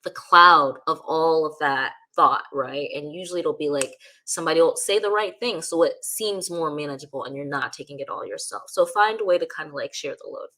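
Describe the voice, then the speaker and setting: A woman speaking as a guest in a casual interview, candid and animated, often using "like" as a filler. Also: low voice, brisk, hardly any pauses.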